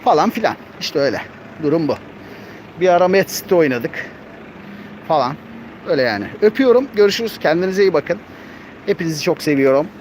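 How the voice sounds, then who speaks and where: A man's voice: a little high, expressive, brisk, pauses often, a little mellow, slight background noise. Chatty young man streaming with his cats. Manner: chatty, reads viewer comments aloud, coos at cats. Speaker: live streamer. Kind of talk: casual live-stream chat. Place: home room with cats.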